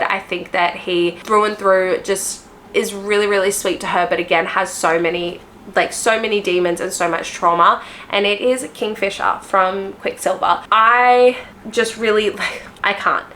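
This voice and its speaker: A woman's voice: mid-range voice, fairly even intonation, normal speed, a bit bright, slight background noise. A woman book vlogger chatting casually to her viewers, gushing and rambling with frequent restarts.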